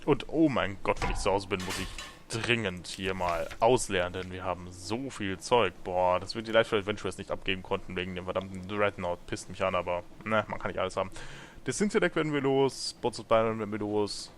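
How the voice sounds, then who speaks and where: A man's voice: low voice, steady tone, fairly quick, a little hiss or hum. Chatty let's play man thinking aloud. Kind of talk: casual gameplay commentary.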